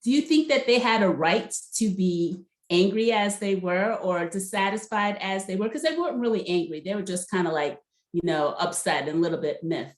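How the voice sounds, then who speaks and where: A gossipy woman talks through a reality TV episode for her viewers, laughing often and turning to the audience to ask their opinion. Her voice sits at an ordinary mid pitch. The sound is roomy and echoey. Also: moderate pace. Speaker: reality TV recap vlogger. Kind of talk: casual chatty recap. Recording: roomy echo.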